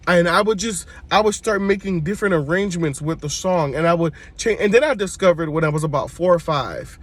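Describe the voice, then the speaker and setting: A man's voice: sits high, brisk. A man from Brooklyn, a church worship singer telling personal stories in a chatty way. He is congested, often corrects himself and speaks straight to his viewers. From Brooklyn, New York. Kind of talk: casual personal storytelling to camera.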